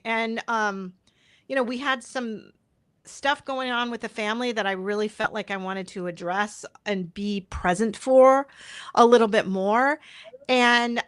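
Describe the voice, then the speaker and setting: A woman's voice: fairly high pitch, fairly bright tone, dry recording, studio quality. A woman podcast host chatting casually on a live stream, informal and apologetic, thinking aloud as she goes.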